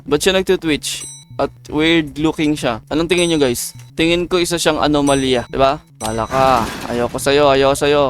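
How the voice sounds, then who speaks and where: A man's voice: a little high, fairly even intonation, moderate pace, soft background music. A man from the Philippines giving playful, joking let's-play commentary, chatting with his viewers as he plays. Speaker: gaming video creator.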